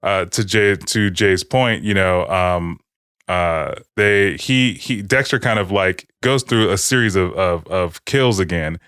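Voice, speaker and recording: Low-voiced man in casual profane chat. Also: slow pace, a bit bright, clear, resonant tone, no echo, studio quality. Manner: profane, rambling TV recap. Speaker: podcast co-host.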